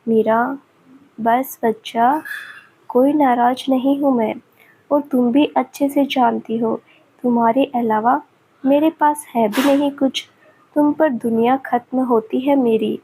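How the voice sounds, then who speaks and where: A woman voicing a caring young man in a storybook romance, speaking softly and soothingly. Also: sits high, fairly even intonation, takes it slowly, slight background noise, poor audio. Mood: tender. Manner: soft and soothing. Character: tender caring young man, loving husband.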